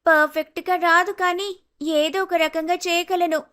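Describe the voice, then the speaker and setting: A woman's voice: extremely high pitch, flat delivery, normal speed, sharp tone. A woman voicing a meek young newlywed daughter-in-law in a cartoon story, pleading and apologetic. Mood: timid.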